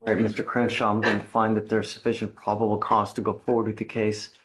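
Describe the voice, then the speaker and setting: Husky, fast-talking stern male judge. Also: lowish voice, completely flat delivery, a bit bright. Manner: blunt, directive, stern. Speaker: judge presiding over bond hearings. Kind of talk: courtroom proceedings, issuing orders and warnings. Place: courtroom.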